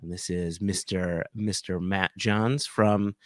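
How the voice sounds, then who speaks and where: A man's voice: low-pitched, steady tone, takes it slowly, no room sound, studio quality. A man hosting a casual live stream, joking and stumbling over his words as he corrects himself. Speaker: host.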